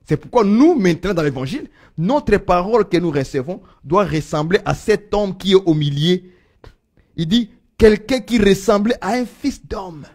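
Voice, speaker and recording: A preacher man delivering a sermon with a high, gravelly voice. His pitch rises and falls widely as he moves between loud proclaiming and quiet murmurs. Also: expressive, moderate pace.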